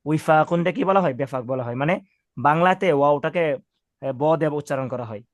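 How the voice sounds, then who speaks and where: A man's voice: fairly high pitch, a little fast, no echo, clean studio sound. A man teaching Arabic words to a class, patiently correcting pronunciation and leading call-and-response drills.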